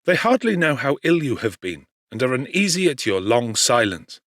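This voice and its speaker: A man voicing a concerned, kindly young gentleman friend in an audiobook, speaking earnestly and formally. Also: medium pitch, big pitch swings, normal speed, no room sound. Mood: gentle, solicitous.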